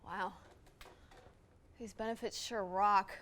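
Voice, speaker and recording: A woman's voice: mid-range voice, fairly even intonation, slow pace, a bit bright, slight background noise. A young woman playing an eccentric, theatrical co-host of an occult comedy talk show. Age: young adult. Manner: theatrical, odd. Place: TV studio set.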